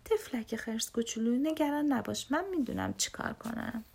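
A woman's voice: on the high side, lively intonation, creaky, background noise. A woman voicing a caring mother bear.

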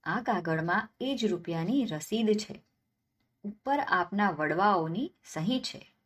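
A woman's voice: mid-range voice, lively intonation, slow pace, a bit bright. A woman voicing a clever, penniless young man in a folk tale, cheeky and self-assured, answering questions with questions. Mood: sly.

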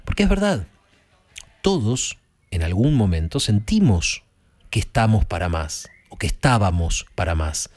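Emphatic Argentine man, lively low voice. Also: unhurried. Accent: Argentine Spanish. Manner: conversational, emphatic, with many fillers and tag questions. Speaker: host discussing film and rock. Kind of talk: reflective spoken commentary to listeners.

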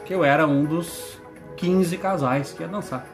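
A man in his thirties with a southern Brazilian accent talks casually as a radio co-host. His voice sits at a medium-high everyday pitch range for banter, and he often repeats short phrases as he tells stories. Music plays faintly behind him. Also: measured pace, vocal fry. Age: 30s. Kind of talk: casual chat and storytelling.

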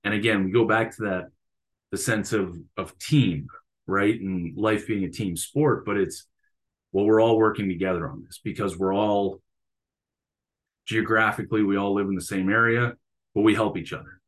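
A coach and teacher talks through his experiences in an easygoing interview. He has a very deep, low-pitched voice and speaks reflectively. His thoughts unfold like stories told to a friend. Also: steady tone, normal speed. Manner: reflective, storytelling. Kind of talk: casual interview conversation.

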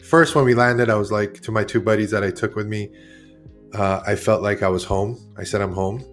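A man in his forties, originally from Iran, speaks in a low voice as a guest artist. He rambles candidly and often corrects himself mid-thought. Faint music plays quietly behind him. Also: fairly even intonation, a little fast. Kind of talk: casual interview talk.

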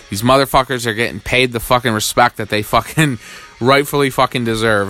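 A man in his thirties, a music fan, giving an excited, fast, profane and rambling casual rant with many restarts. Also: fairly low pitch. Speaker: music fan recapping concerts.

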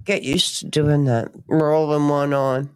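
A woman's voice: deep voice, level tone, unhurried, darkish tone, clear, resonant tone. A woman co-hosting a podcast, chatting in a playful, teasing way. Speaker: podcast co-host. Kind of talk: casual chat.

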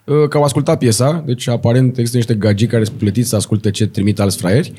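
A man's voice: medium pitch, steady tone, dark tone, husky. A man who plays drums in a band, chatting casually and telling jokey stories as a guest. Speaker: band drummer. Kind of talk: casual chat.

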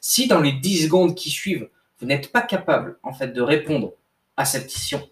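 A man's voice: a little high, lively intonation, moderate pace. A young man, a sports coach, giving a casual motivational talk with lots of restarts and slang. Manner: informal, repetitive restarts, addresses listener as bro. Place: at a desk indoors. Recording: echoey room, mic at a distance.

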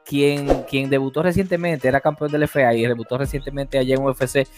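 A man hosting an interview show, excitable and full of restarts and repeated phrases. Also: medium pitch, a little fast, faint music behind. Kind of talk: casual interview.

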